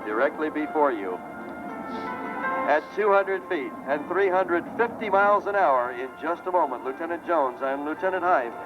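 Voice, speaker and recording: An American airshow commentator delivers measured, technical announcements over music, his voice fairly high and animated. The outdoor recording sounds dull.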